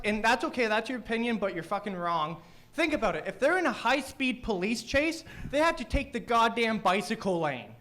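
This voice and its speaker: A young man with a fairly high voice works an open mic crowd, brash and profane, needling the audience. His words come out thick and mushy, as if his mouth is full. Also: fairly bright tone. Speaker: stand-up comedian; teacher. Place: small comedy studio stage.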